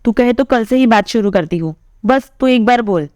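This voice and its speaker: A woman voicing an angry older sister who scolds sharply and rises to loud outbursts, with a smooth, clear voice. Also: a little high, expressive, moderate pace, dry recording, lightly acted. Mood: coaxing.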